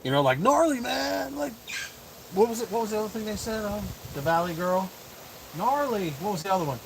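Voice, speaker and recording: A middle-aged man hosting a casual livestream chat as a comedian, rambling with lots of fillers and quick chuckles. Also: sits high, expressive, vocal fry, background noise. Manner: chuckling, full of fillers and restarts.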